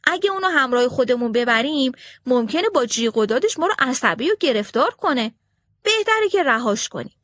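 A woman's voice: sits high, sing-song, a bit bright, no echo, full character voice. An impatient soldier brushes the matter off in a firm, dismissive voice, read by a woman. He sounds fed up. The sound is dry and close. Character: impatient irritated male soldier. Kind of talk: storybook character voice.

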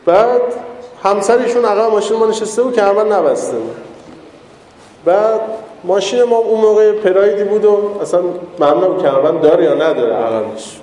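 A man giving an informal talk and telling jokey anecdotes. He slips into animated impressions of the people in his stories. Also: high-pitched. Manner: storytelling, jokey, animated quoting of others. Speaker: speaker giving a public talk. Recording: echoey hall with long reverb.

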